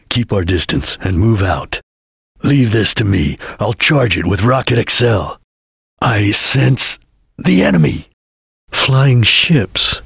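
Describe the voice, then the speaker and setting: A serious ninja chameleon from a video game. The voice is heavily husky and breathy, recorded close and dry. The delivery is solemn, terse and watchful, with a disciplined formality. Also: male voice, on the low side, fairly bright tone, no echo, exaggerated voice. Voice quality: husky, gravelly. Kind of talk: English video game voice acting.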